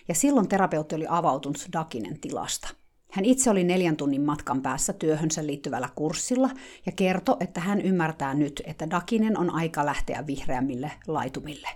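A woman's voice: sits low, a little mellow. A woman telling a dramatic first-person diary story in a confiding, casual way.

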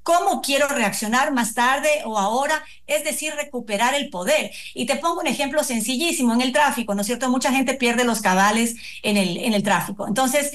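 A woman with a slightly high voice speaks as a psychologist guest on a radio show. She explains calmly and steadily, often adding little tag questions. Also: fairly quick, hardly any pauses. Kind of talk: radio interview.

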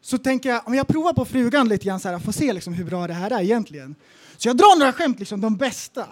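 Chatting on a laid-back comedy podcast, a very high-voiced man shares funny stories as co-host. He brings the people in them to life, voicing their quotes with plenty of energy.

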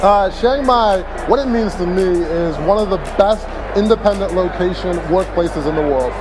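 High-voiced man listing things casually. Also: moderate pace. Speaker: event attendee. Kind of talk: casual interview. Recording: crowd and music behind.

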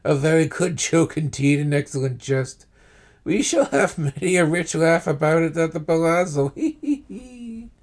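A man's voice: fairly high pitch, normal speed, pitched above the performer's own voice, lightly acted. A man voicing a drunken nobleman walled up in chains, giggling shrilly and pleading in a raised voice. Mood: manic giggling.

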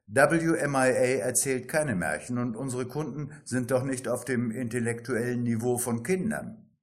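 A man's voice: mid-range voice, moderate pace, natural voice. A man reading the lines of a smug, cynical male executive, blunt and dismissive.

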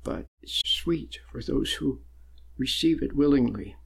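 A man giving a sermon-like spiritual talk, slow and deliberate, with long pauses and sudden emphatic rises. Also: mid-range voice, lively intonation, gravelly, a bit bright, husky. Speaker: spiritual teacher.

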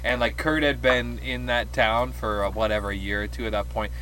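A man's voice: medium pitch, steady tone, a little fast, fairly bright tone, a little hiss or hum, low-quality recording. A young man in casual chat with friends, telling stories in a loose, profane, giggly way.

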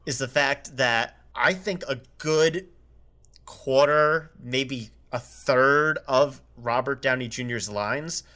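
A man co-hosting a film podcast, critiquing a movie in a casual, halting way. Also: medium pitch, sharp tone. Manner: halting, many fillers and restarts. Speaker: podcast co-host. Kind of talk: casual film review chat.

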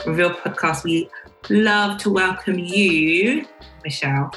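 A woman hosts an interview podcast in a low, bright and forceful voice. She is enthusiastic and encouraging and drops in quick reactions while the guest talks. Faint music plays underneath. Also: low-quality recording. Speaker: podcast host. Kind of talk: casual interview hosting.

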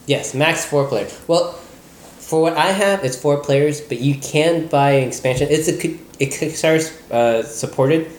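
Very low-voiced woman explaining board game rules. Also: measured pace. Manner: explains rules plainly, relaxed and chatty. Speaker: board game show co-host. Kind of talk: casual board game review chat. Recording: roomy echo, faint noise.

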